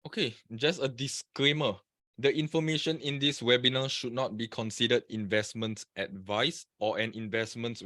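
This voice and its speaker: A man's voice: mid-range voice, fairly bright tone, no echo, clean studio sound. A man from Singapore presenting a live trading webinar, chatting and greeting viewers by name over a computer mic.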